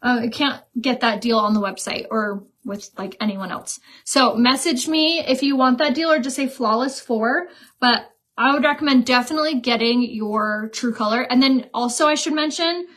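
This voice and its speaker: A woman's voice: on the high side, moderate pace, fairly bright tone. A young woman hosting a live stream, chatting casually and giggling while she sells makeup.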